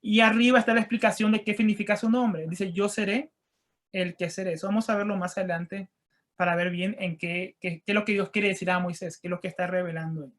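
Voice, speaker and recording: A man teaching a Bible lesson online and walking listeners through slides. He reads verses and Hebrew words slowly and carefully, stressing and repeating key phrases in a measured teaching voice. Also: high-pitched, fairly even intonation, fairly bright tone. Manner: slow, deliberate reading of scripture and Hebrew words.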